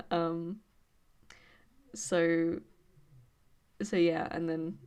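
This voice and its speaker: A young woman from Birmingham with an English accent, chatting casually with her live stream viewers in a hesitant, rambling way, full of fillers and quick laughs. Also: lowish voice, steady tone, a little mellow, clean tone. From Birmingham, England. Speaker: study stream host.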